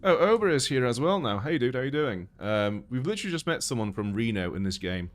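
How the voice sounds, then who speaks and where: Playing a game on a live stream, a man from Poland talks quickly and casually, mulling things over out loud. Polish is his first language, but he has a British accent; his mid-range voice stays relaxed.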